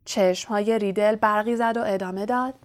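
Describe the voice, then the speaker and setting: A woman narrating a story for an audiobook in an even, measured storytelling manner. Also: mid-range voice.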